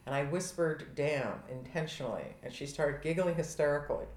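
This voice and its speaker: A middle-aged woman chatting casually as a podcast co-host, telling personal stories in an earnest, halting, self-deprecating way. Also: low-pitched, a little mellow. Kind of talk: casual chat. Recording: echoey room.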